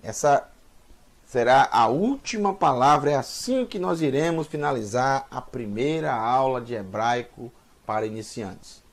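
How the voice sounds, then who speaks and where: A man's voice: mid-range voice, lively intonation, a little slow. A man giving a beginner's language lesson, patiently sounding out words and repeating them for learners. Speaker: teacher. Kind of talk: slow spoken language lesson.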